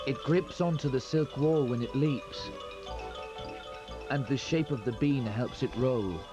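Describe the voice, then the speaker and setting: Guy doing nature doc voice-over, measured and even, worn vhs tape sound, muffled, music loud behind him. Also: mid-range voice. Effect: worn VHS tape copy. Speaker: documentary narrator. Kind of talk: scripted nature documentary voice-over. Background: loud music score.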